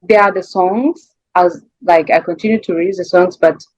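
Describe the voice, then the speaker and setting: A woman from Rwanda, a singer, responds to interview questions at normal speed in a lowish voice with fairly even intonation. Her Rwandan accent comes through as she searches for words and repeats herself conversationally, in a dry recording with the highs cut off.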